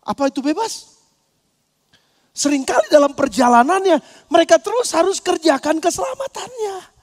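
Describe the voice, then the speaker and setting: A man pastor preaching a sermon, animated and acting out quoted voices, at times breaking into shouts. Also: extremely high pitch, moderate pace. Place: church hall. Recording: long church hall reverb.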